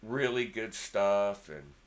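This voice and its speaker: A man's voice: lowish voice, expressive, takes it slowly. A middle-aged man, host of a guitar channel, casually telling rambling anecdotes to the camera and repeating himself as he goes.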